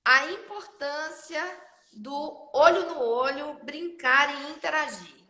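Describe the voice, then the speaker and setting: A woman's voice: high voice, slow, crowd noise. A woman hosting a live talk for mothers, speaking animatedly and directly to her audience. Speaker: otolaryngologist host. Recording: roomy echo.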